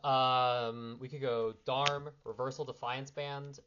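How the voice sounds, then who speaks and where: A young man who's a little sick gives an impromptu card game strategy primer in a mid-range voice with little pitch movement, speaking slowly. The audio has its highs cut off and a noisy background, and he rambles and corrects himself while handling cards, casually explaining lines off the cuff.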